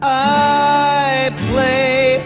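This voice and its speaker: A woman's voice: high voice, monotone, drawn-out words. A woman singing as a cheerful little ballplayer. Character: young right-field ballplayer, cheerful and innocent. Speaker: jingle singer in a commercial. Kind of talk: sung and spoken advertising jingle. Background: loud country music with guitar.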